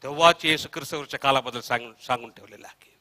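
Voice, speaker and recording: A man with a Marathi accent preaching a Bible study sermon, echoing verses after a reader and swinging between soft murmurs and loud shouted calls. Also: mid-range voice, very fast. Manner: repeats verses line by line after the reader, prompting with "हा". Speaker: pastor.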